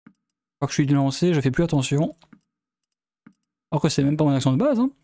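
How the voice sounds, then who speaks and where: A man's voice: a little high, very animated, brisk, warm tone. A man from Belgium giving live commentary on his strategy game, thinking aloud and often trailing off mid-sentence. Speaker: let's play gamer.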